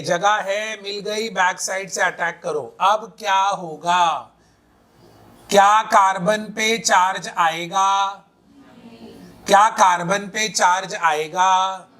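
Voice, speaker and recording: A man's voice: high-pitched, pushed and bright. A man teaching chemistry in a classroom lecture, quizzing students with repeated questions and mixing in playful breakup jokes.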